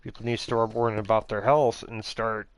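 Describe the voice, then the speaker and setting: A man's voice: on the low side, little pitch movement, brisk, clear, resonant tone, dry recording. A man hosting a gaming channel, chatting casually while playing, rambling with sarcastic teasing.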